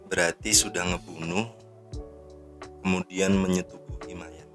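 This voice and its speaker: A man's voice: sits low, fairly even intonation, unhurried, over music. A man in his thirties hosting a casual commentary on news, indignant and rambling with fillers. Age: 30s. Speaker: host.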